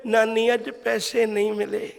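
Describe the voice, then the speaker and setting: A man's voice: high-pitched, little pitch movement, measured pace, creaky. A man quoting an orphaned young boy, speaking in an earnest, heartfelt way, in a hall. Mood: eager. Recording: long hall reverb.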